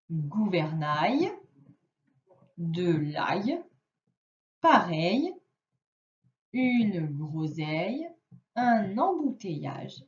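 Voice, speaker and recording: Slow, careful teacher woman. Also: medium pitch. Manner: slow, careful, drawing out words to dictate. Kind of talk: remote reading and spelling lesson for a child. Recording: echoey room, distant mic, dull sound.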